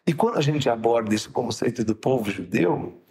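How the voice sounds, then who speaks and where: A man, a rabbi chatting casually on a podcast. He tells stories with energy and jumps up into high, shouted voices when he acts out what people said. His voice sits at an ordinary middle pitch for a man. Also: moderate pace. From Brazil. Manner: lively storyteller who acts out dialogue with sudden high shouts.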